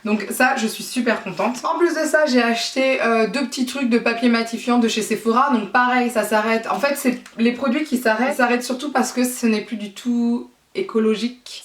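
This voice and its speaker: A woman's voice: fairly high pitch, distant mic. A woman beauty vlogger chatting enthusiastically about her purchases, rambling and correcting herself as she goes. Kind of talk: casual product haul chat. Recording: echoey room, voice away from the mic.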